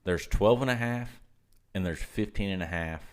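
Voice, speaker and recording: A man's voice: fairly low pitch, normal speed, smooth. A man, co-hosting a podcast in loose, profane banter and laughing often. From Oklahoma. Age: 30s. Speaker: podcast co-host.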